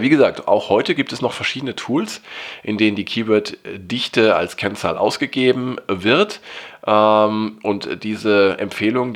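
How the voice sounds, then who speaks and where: A man hosting a weekly news podcast, explaining topics with many pauses and fillers. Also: on the low side. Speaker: podcast host.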